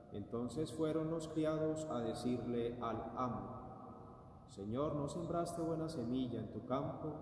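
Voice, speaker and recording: A man, a priest, reads the Gospel at Mass in a measured, solemn way, with cathedral echo. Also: mid-range voice, a little mellow, slight background noise. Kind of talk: liturgical Gospel reading. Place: large church. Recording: echoey church hall from far off.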